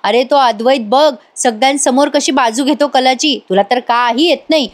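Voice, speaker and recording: A woman's voice: sits high, normal speed, natural voice. A woman voicing a bitter young wife who taunts and scolds her husband, in a soap recap. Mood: scornful.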